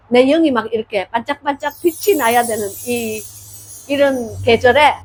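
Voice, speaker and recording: A woman's voice: high-pitched, husky, low-quality recording. An older woman pastor preaching a sermon and telling a personal story, acting out dialogue with shifts in voice.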